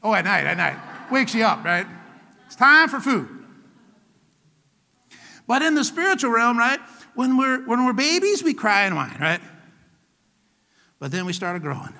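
A man's voice: very high-pitched, sing-song, measured pace, vocal fry, pauses often, sharp tone. A man preaching a sermon as pastor, emphatic and rousing, calling out to his congregation. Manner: emphatic call-and-response preaching. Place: church. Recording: church hall reverb.

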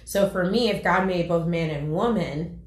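A woman's voice: lowish voice, moderate pace. A woman on a podcast chatting casually, telling stories with feeling and plenty of "like" fillers. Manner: emotional, animated storytelling with lots of "like". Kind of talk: casual chat. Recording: roomy, echoey sound.

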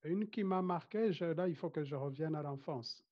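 With a voice that's a little high and a moderate pace, this Rwandan man who grew up with Kinyarwanda talks casually as an interview guest. He hesitates, restarts often, and laughs a lot, on a dull lo-fi recording.

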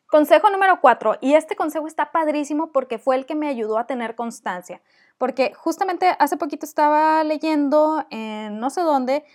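A woman talks straight to her listeners in a solo podcast. Her voice sits a little high, and her tone stays encouraging and chatty. She stacks her points in repeated phrases. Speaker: podcast host. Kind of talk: solo podcast advice talk.

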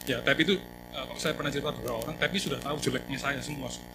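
A man preaching a sermon in a lively, joking way, often calling out to his listeners. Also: mid-range voice, racing, loud music behind the voice, poor audio. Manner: animated, jokey, addresses listeners as 'saudara'.

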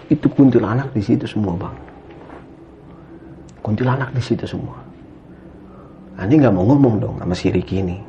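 A man's voice: mid-range voice, a little hiss or hum. A man, telling a story as a guest in casual talk, rambling and tagging his sentences with "gitu ya kan" and "Bang". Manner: rambling, keeps adding "gitu ya kan" and calling the listener "Bang". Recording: dull lo-fi sound.

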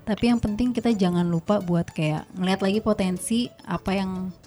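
A young woman chatting casually as a podcast guest, unable to pronounce r, which softens toward y. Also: medium pitch, normal speed, soft background music. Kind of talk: casual chat.

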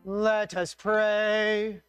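A man leading a church service as liturgist, solemn and measured in his chanted and spoken prayers. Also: high voice, level tone. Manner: solemn, measured, reverent delivery. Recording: echoey church-like reverberant space, faint music.

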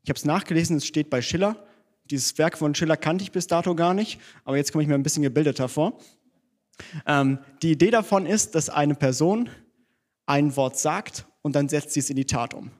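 A man's voice: on the high side, fairly quick, a little mellow. A man preaching a sermon in church, conversational and self-deprecating, mixing teaching with personal stories.

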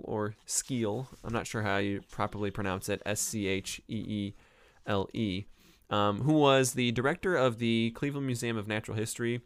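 A man's voice: on the low side, smooth, no room sound. A man hosting a casual book review podcast as an anthropology professor, chatty and digressive with frequent ums and uhs, recorded live from his home library.

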